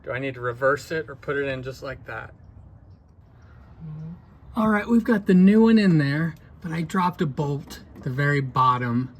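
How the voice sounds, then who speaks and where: A man's voice: a little high, lively intonation, moderate pace. A middle-aged man narrating a casual truck repair as he works, folksy and joking. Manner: folksy, joking, talks while working. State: out of breath. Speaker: vlog host doing truck repair.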